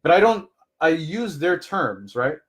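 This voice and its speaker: A man's voice: fairly high pitch, big pitch swings, a little slow. A man giving business advice in a live coaching session, talking casually, explaining through personal examples and often checking in with "right?". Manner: conversational, keeps checking in with "right?".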